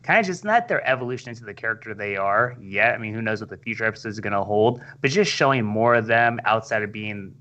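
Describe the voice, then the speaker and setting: Bright-voiced man gushing about a show. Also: lowish voice, lively intonation, fast, few pauses, highs cut off. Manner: enthusiastic, says "bro" and "man" often. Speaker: podcast co-host. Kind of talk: casual chat about comics and movies.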